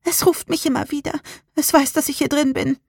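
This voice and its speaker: A frightened little girl, as a reader puts her on, whimpering and pleading in a desperate hush. The voice sits far above the reader's own and sounds thin and distant. It is a dry, close audiobook reading. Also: high voice, fairly even intonation, fairly quick, vocal fry, dry recording, pitched above the performer's own voice.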